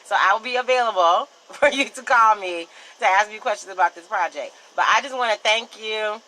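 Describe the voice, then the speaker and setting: A young woman host with a Southern American accent, lively and quick in casual interview talk. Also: medium pitch, poor audio. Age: young adult. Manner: lively, talks fast.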